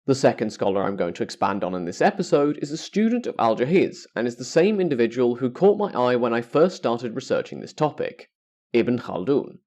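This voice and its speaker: A podcast host delivers scripted educational content in a middling-pitched male voice at a brisk pace. His intonation rises and falls with energy, though his wording remains formal and carefully structured.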